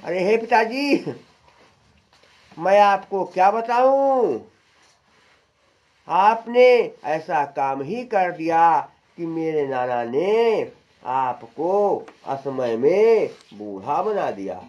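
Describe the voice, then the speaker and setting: A man's voice: on the high side, very animated, very slow, a little mellow, voice pushed down, heavily acted. A man voicing a dutiful young prince who lectures his father earnestly. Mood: lecturing. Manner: earnest lecturing, partly sung.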